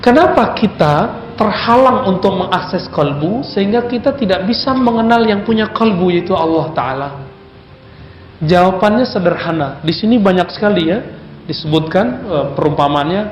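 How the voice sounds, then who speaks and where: A man preaching a sermon in a lively, conversational way, often putting questions to his audience. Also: high voice, moderate pace, echoey room, highs cut off. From Indonesia.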